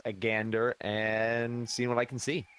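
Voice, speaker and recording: A man's voice: mid-range voice, level tone, a little slow, a bit bright, smooth. A man playing a tabletop game, speaking eagerly and stammering as he chats in character. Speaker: player.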